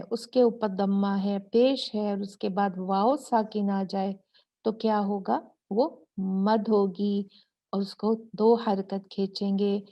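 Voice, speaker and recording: A woman teaching Quran recitation rules in a patient, slow lesson, drawing out syllables for learners to repeat. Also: medium pitch, dark tone.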